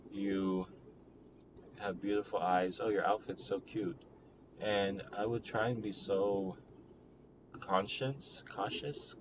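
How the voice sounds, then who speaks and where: Low-voiced young man, rambling reflective talk. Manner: rambling, halting, reflective, with many fillers. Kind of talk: personal monologue about a relationship. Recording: noticeable background noise.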